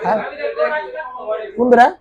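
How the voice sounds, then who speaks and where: A man's voice: moderate pace, muffled recording, crowd noise. A male teacher, giving a recorded class lecture and answering his own questions. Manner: quizzing questions he answers himself.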